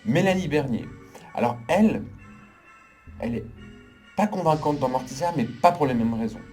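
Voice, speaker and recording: A man's voice: mid-range voice, animated, normal speed, darkish tone, faint music behind. A man giving a casual, opinionated film review in an emphatic way, piling on intensifiers. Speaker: film critic.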